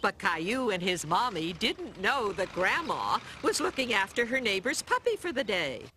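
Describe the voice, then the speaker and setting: A woman narrating a children's cartoon story in an expressive storytelling manner. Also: medium pitch, normal speed, slight background noise. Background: music.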